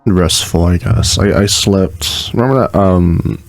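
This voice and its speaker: A man's voice: deep voice, a little slow, soft background music. A man co-hosting a casual podcast, laid-back and dryly joking. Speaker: podcast co-host.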